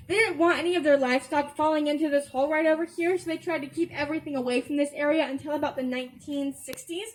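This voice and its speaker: A woman's voice: sits high, rough recording. A woman giving a rehearsed, informal tour talk as a guide. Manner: informal, instructive.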